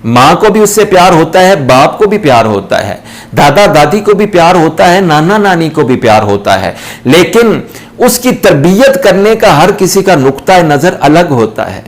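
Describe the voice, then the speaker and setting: A man's voice: on the high side, big pitch swings. Earnest man telling a parenting parable. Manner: earnest storytelling, addresses viewers directly, slows for questions. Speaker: channel host. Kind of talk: motivational parenting talk.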